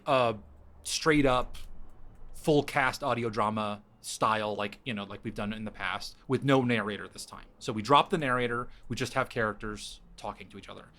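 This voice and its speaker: A man hosting a podcast, pitching story ideas in casual chat to his co-hosts, thinking aloud with frequent restarts. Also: a bit bright.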